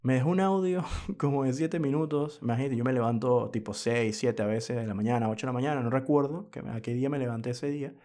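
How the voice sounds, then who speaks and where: A man's voice: medium pitch, steady tone, quick pace, warm tone. A man hosting a podcast, telling a story in a casual monologue, indignant and moralizing, throwing rhetorical questions at his listeners. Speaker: podcast host.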